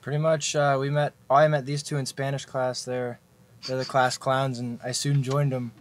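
A man from Oregon, a band's bassist, speaking a little hesitantly in a documentary interview. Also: flat delivery, moderate pace. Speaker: bassist in a band.

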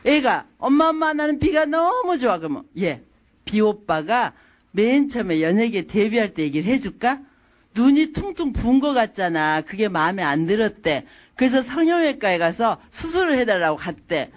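Lively middle-aged woman telling stories. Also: medium pitch, moderate pace. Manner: animated storytelling, acting out quotes. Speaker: lecturer. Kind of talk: lecture with personal anecdotes.

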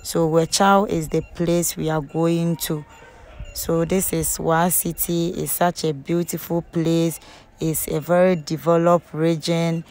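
A woman's voice: sits low, flat delivery, unhurried. A young woman, chatting to her viewers as a travel vlogger, recorded on a phone held at arm's length. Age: young adult. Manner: chatty, addresses viewers directly. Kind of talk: casual travel vlog. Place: outdoors on roads and in vehicles. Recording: loud road and vehicle noise. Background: traffic and engine noise.

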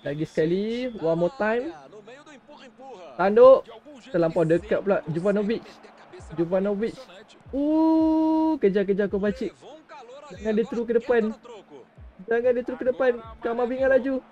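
A young man with a Malaysian accent and a high-pitched voice commentates his own football game as he plays. His pace is unhurried, broken into short exclamations and muttered asides. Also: warm tone, lo-fi sound. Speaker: gaming streamer.

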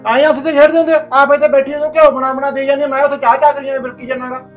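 A man's voice: fairly high pitch, animated, fast, fairly bright tone, faint music behind. An actor playing a weary, aging rural father who grumbles and lectures his family. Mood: scolding. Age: older. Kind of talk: village family drama acting.

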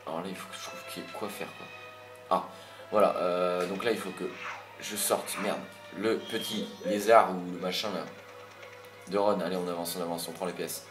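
A young man with a fairly low voice talks his way through a video game in a loose, rambling manner, dropping the odd curse. He sounds a touch irritated. The recording is roomy, with game music playing clearly underneath. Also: steady tone, normal speed. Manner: rambling, chatty, mild swearing. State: a bit irritated. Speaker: gameplay commentator. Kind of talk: casual gameplay commentary.

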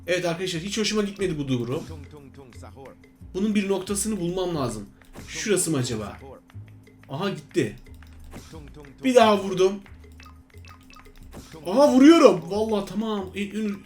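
Excitable young man with a high voice. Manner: excitable, talks to viewers as friends. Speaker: gaming channel host. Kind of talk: live gameplay commentary.

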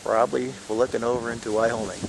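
On a windy mountain trail, an older hiker narrates his vlog on a handheld camera, rambling with jokes and plenty of fillers. He speaks quickly at medium pitch, flat and creaky. The audio is very noisy.

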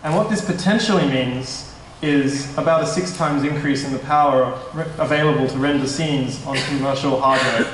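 A young man from a tech startup delivers a relaxed but slightly nervous meetup presentation, revising his words as he goes, at a moderate pace with few pauses. His voice is mid-range. The large indoor hall is echoey and the background noisy, recorded on a stand mic set at a distance.

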